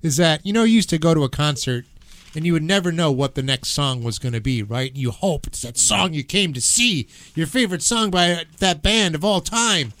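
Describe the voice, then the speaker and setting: A man's voice: on the high side, animated, moderate pace, fairly bright tone, no echo. A man co-hosting a radio music show, chatting enthusiastically and rambling a bit, with hesitant fillers. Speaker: radio co-host. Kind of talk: casual radio chat.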